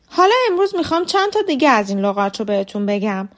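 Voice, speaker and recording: Woman, podcast host, English lesson, somewhat high voice, clear deliberate delivery. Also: very animated. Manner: clear, deliberate, slows to spell and model words.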